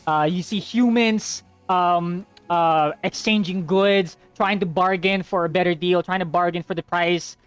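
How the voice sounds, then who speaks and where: Brief: game master, man, slow delivery, lots of "uh" and restarts, faint music behind. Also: high-pitched, steady tone, clear, resonant tone. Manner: slow, halting, many fillers. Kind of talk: narrating a tabletop game.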